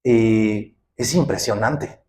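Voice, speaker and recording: A middle-aged man, preaching a conversational verse-by-verse sermon, animated and full of questions to the listener. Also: fairly low pitch, slow, a little hiss or hum, poor audio. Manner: animated, uses questions and acted quotes. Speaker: pastor teaching a Bible study.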